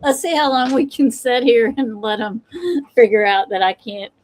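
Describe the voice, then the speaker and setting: A woman's voice: a little high, normal speed. A woman hosting a tarot live stream, chatting casually, laughing and mocking herself. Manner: laughing, self-mocking, exclamatory. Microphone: computer mic.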